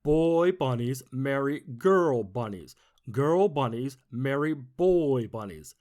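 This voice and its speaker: A man puts on a pompous stink bug who runs the garden in this storybook reading. He booms his rules slowly and loudly, his pitch swinging widely. He sounds self-important and stern. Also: animated. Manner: loud, slow, booming decrees.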